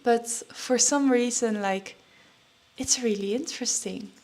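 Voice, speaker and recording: Slow-talking, nervous young woman vlogging. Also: a little high, darkish tone. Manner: chatty, with many fillers and restarts. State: nervous and a bit out of breath. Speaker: trading vlogger. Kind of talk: casual vlog chat.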